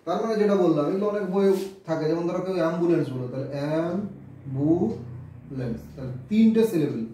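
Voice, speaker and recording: A man's voice: high voice, racing, dark tone, distant mic, slight background noise. A man teaching a physics lesson, explaining step by step and working sums aloud. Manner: explains step by step, works sums aloud, mixes in English terms. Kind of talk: classroom physics lecture. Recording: very echoey room, voice away from the mic.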